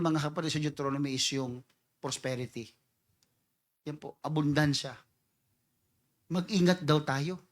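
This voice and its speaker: A pastor delivering a sermon in a high, ringing voice. He mixes Tagalog and English freely, dropping low for scripture and rising to loud, emphatic calls. He acts out people's prayers to make his point. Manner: swings from quiet reading to loud emphatic preaching.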